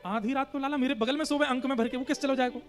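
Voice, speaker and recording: A man's voice: very high voice, steady tone, rapid-fire, voice pushed up. A man voicing a protective, doting village mother in a Braj accent, questioning and scolding.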